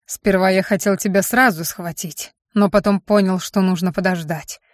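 A woman's voice: mid-range voice, steady tone, normal speed, dry recording, clean studio sound, close to an everyday voice. A woman reading an audiobook and voicing a fanatical, self-satisfied male mage who rants about gaining power. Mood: fanatical boasting. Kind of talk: audiobook character voice.

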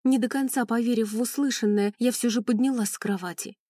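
A woman's voice: on the high side, fairly even intonation, fairly quick, warm tone, no echo. A woman reading a first-person audiobook in an emotional, mournful way, close to the mic. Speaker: audiobook narrator.

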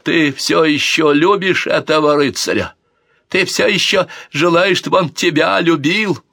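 A man voicing a drunk, weeping young prince who whines and pleads in a high, strained voice. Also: unhurried, vocal fry, pushed and bright, no echo, heavily acted. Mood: pleading. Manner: whining, tearful, pleading. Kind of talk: audiobook character voice.

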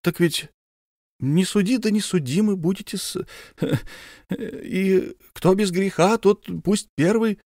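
A careful, deferential staff captain who hedges every phrase with old-world courtesy, as a male narrator plays him. His voice is pitched somewhat higher than an ordinary man's speaking voice and recorded dry and close. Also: expressive, moderate pace, a little mellow, dry recording. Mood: cautious. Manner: hesitant, deferential, old-fashioned polite speech. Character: cautious polite army staff captain, old comrade.

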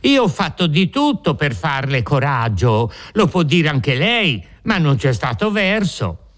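A humble old woman servant, put on by a male reader, her voice raised and meek, coaxing and fawning. She speaks softly and slowly in a storybook reading. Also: a little high, very animated, voice pushed up.

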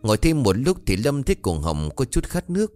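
A man's voice: mid-range voice, huge pitch swings, fairly quick, darkish tone. A man narrating a ghost story and voicing its characters in the dialogue. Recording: faint music behind.

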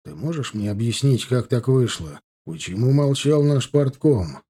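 A man's voice: medium pitch, sing-song, moderate pace, mellow, slightly rough. A man voicing a concerned, thoughtful union chairman in an audiobook.

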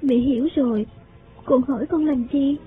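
A frail, sickly young daughter played by a male narrator who speaks softly and tearfully in a very high falsetto. The sound is thin and phone-like, with faint music underneath. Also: steady tone, moderate pace. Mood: sorrowful pleading. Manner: soft, tearful, pleading. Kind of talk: audiobook character voice.

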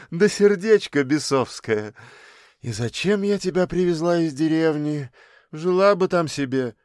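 A man's voice: a little high, no echo, studio quality, voice pushed up. Man voicing a scolding, scornful middle-aged mother. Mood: mocking. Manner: sharp, scolding, sarcastic.

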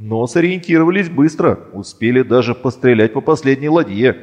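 A man's voice: mid-range voice, brisk, a little mellow, long reverb tail, dull audio, lightly acted. A man voicing a wry male inner voice that addresses the hero in a mock-formal way.

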